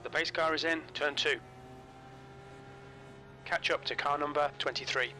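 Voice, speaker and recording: A man voicing a calm race spotter and crew chief who gives terse pit radio calls in clipped, flat phrases. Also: a little high, a little slow. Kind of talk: prerecorded game announcements. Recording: loud race engine noise. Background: racing car engines.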